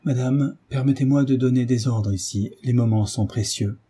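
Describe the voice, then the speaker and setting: Man reading as calm commanding tutor. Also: mid-range voice, moderate pace, husky. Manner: firm, decisive orders. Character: calm, commanding male tutor in his prime.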